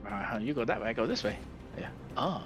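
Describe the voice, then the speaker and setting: A man's voice: medium pitch, animated, fast, over music. A man streaming a video game who chats casually with a friend, joking, laughing and swearing. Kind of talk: casual gaming chat.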